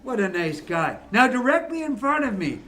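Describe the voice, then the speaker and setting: This Ontario-born man in his fifties is a musician bantering playfully with seniors between numbers. His very high voice is very animated and fairly bright, delivered at a normal pace.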